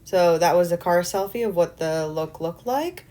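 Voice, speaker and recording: A woman's voice: lowish voice, normal speed, mellow. A young woman casually narrating her makeup tutorial, rambling with frequent ums and poking fun at herself. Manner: chatty, rambling, many ums; self-deprecating humor. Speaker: beauty vlogger.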